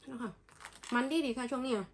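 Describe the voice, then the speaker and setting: Casting: woman, Isan Thai accent, higher-pitched voice, informal eating-vlog chat with familiar, polite address to the audience. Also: fast talker, slight background noise. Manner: addresses viewers familiarly with frequent polite particles. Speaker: food vlogger. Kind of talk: casual chatty eating vlog.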